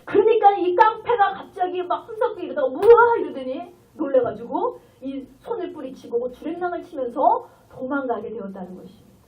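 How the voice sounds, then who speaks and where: A woman guest pastor preaches in a high, bright voice. She tells her story with animated emotion and acts out each character's lines. The recording is distant and tinny, like a phone line. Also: fairly quick. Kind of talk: revival sermon with storytelling.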